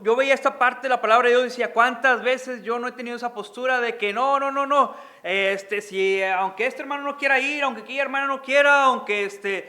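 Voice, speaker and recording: High, bright-voiced fervent preacher man. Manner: fervent, often addresses listeners as brothers and sisters. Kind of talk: sermon.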